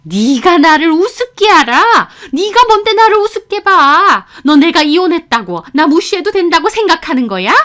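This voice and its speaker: A woman voicing a furious middle-aged mother-in-law who yells and scolds in a shrill, harsh voice. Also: very animated, moderate pace, few pauses, heavily acted. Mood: screaming scolding.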